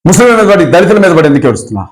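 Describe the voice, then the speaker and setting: A man's voice: high-pitched, sing-song, rapid-fire, poor audio. A man giving a fiery, confrontational political speech, firing off accusing rhetorical questions. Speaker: activist leader.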